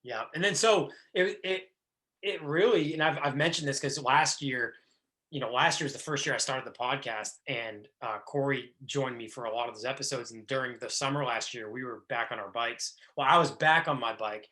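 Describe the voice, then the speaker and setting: A man in his thirties hosts a podcast, chatting casually in a mid-range voice at a moderate pace. His tone is bright and forceful, and he rambles with many restarts.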